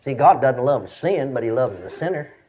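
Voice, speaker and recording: A Texan preacher and Bible teacher in his fifties delivers a folksy sermon full of stories, repeating phrases for emphasis and checking in with listeners. His medium-pitched voice is lively and at normal speed, over soft background music, in a dull, lo-fi recording.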